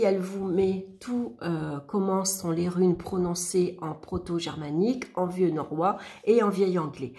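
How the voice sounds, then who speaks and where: A woman's voice: mid-range voice, mellow. A woman giving a casual flip-through review of a workbook, talking in a chatty way with many fillers and restarts. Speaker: YouTuber reviewing a spiritual workbook.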